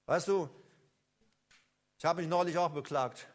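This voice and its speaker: A high-pitched man preaching with fervor, calling his listeners to stand up and stop complaining. He addresses them directly, building to loud rallying cries and then dropping to quiet, confiding asides. His delivery is emphatic and rousing throughout. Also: unhurried. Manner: swings between loud calls and low intimate asides. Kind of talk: charismatic sermon.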